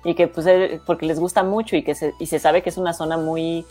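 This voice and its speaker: A woman's voice: fairly low pitch, flat delivery, a little fast, warm tone, soft background music. A woman with a Mexican accent, chatting casually and hesitantly with lots of fillers. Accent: Mexican Spanish. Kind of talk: casual chat.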